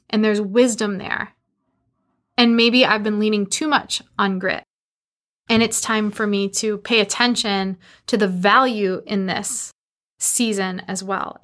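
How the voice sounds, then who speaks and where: A woman in her thirties hosting a solo podcast, talking earnestly and growing animated as she retells her own story. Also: mid-range voice. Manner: earnest, animated when retelling, faith-driven encouragement. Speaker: podcast host.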